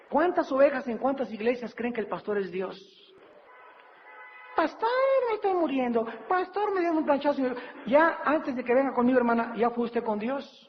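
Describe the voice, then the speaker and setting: A man preaching a sermon as a pastor, animated, acting out pleading voices of troubled people. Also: high-pitched, slight background noise. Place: church or studio hall. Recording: dull reverberant hall recording.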